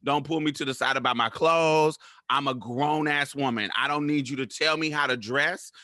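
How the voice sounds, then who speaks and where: A man's voice: on the high side, normal speed, pushed and bright, dry recording, clean studio sound. A man, co-hosting and telling stories casually in a sassy, emphatic, profanity-laced way. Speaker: podcast host. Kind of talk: animated casual storytelling.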